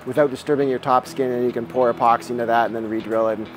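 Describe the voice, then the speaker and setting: A man in his forties calmly explaining each step of a repair job while he works in a boat shed. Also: medium pitch, rapid-fire, soft background music. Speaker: boat restorer. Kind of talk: how-to narration while working. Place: boat shed with timber frame, indoors.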